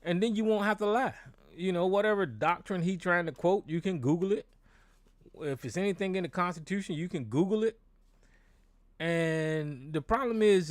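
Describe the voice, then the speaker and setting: A fairly high-pitched male host with no room sound rambles through a casual call-in show monologue. Blunt and profane, he frequently restarts what he's saying, using a desk microphone connected to a board.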